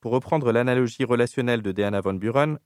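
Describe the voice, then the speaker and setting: A man reading a critical, argumentative column on a radio show in a measured way. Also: mid-range voice, clean tone, no echo, studio quality. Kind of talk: read political radio commentary.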